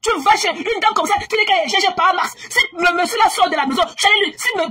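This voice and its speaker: Woman, high voice, heated scolding gossip rant, repetitive, swings from low to raised. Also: quick pace, bright, forceful tone. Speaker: social media commentator.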